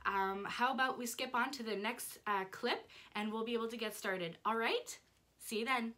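A woman's voice: on the high side, normal speed, bright, forceful tone. Canadian woman teaching a painting class. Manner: friendly, instructive, talks through each brushstroke. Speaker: painting instructor. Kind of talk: step-by-step painting tutorial. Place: indoor craft studio with paint shelves.

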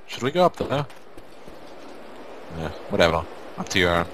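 A man's voice: low-pitched, sing-song, normal speed, noisy background. A man playing a game and chatting casually, joking, laughing and teasing his co-player. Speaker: let's play gamer. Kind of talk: casual gaming banter.

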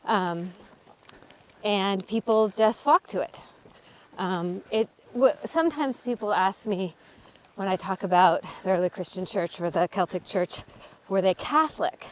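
Strolling across a cold hillside, a middle-aged author who hosts a channel talks casually about history, filling her explanations with ums. Her voice is mid-range and a little slow.

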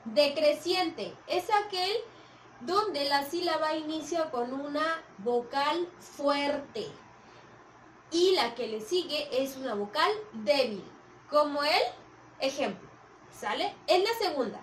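A woman's voice: high-pitched, lively intonation, slow. A woman teaching a primary school class on video, patiently checking in with the children as she explains. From Mexico. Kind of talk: recorded video lesson for children. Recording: echoey room, from a distance, faint hiss.

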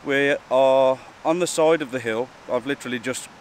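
A man chats to his camera in an informal, halting way. His voice sits at a medium pitch. He is outdoors on a breezy hillside beside rushing water, with faint wind and water noise around him. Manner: informal, hesitant and chatty. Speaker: wildlife photography vlogger. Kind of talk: casual vlog to camera.

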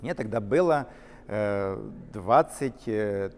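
A middle-aged man, a company co-founder, telling his story in an interview, lively and gesturing as he walks through large factory halls. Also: fairly low pitch, takes it slowly, long reverb tail, slight background noise. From Ukraine. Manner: animated, gesturing while walking and talking. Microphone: camera-mounted shotgun mic.

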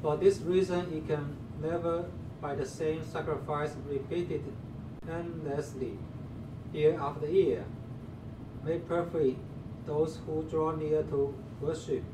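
A man reading a scripture passage aloud, measured and phrase by phrase, as a class member. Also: a little high, fairly even intonation. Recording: distant roomy pickup with air-conditioning noise.

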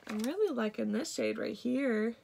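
Young woman, congested, makeup vlog chatter, fillers galore, slightly high voice. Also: animated, moderate pace, creaky, darkish tone, a little hiss or hum. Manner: rambling, many ums and likes. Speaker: beauty vlogger and product seller. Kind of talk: casual makeup vlog chat.

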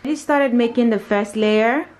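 A woman's voice: fairly high pitch, measured pace, darkish tone, a little hiss or hum. Chatty young woman explaining a recipe. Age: young adult. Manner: explains each step to viewers in a chatty way. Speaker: vlogger and channel host. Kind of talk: casual cooking vlog explanation. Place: home kitchen, indoors. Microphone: camera on the table. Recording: roomy kitchen, distant mic, clattering dishes.

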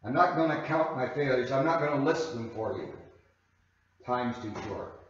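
A man preaching a sermon as a guest minister, slow and deliberate, leaning hard on key phrases. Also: medium pitch, animated. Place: church sanctuary. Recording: very echoey hall, voice from far off, dull sound.

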